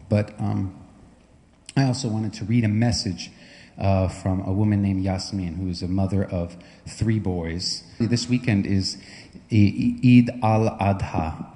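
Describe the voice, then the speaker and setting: A man hosting a concert, speaking earnestly and haltingly as he introduces a message. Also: fairly low pitch, dark tone. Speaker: concert host and pianist. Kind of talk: spoken introduction and letter reading at a concert. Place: concert venue. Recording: long hall reverb.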